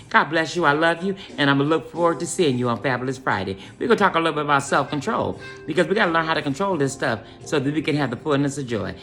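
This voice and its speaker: Woman host for a motivational morning talk: very lively pitch, bright tone, preacherly exhortation to her listeners, faint music behind. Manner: animated exhortation, addressing listeners as y'all and honey. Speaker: host of an inspirational morning message.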